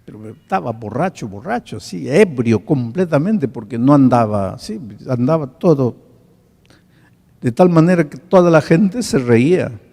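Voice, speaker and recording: A male pastor telling a story in a sermon, swinging from hushed to loud. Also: medium pitch, animated, unhurried, gravelly, in a large hall.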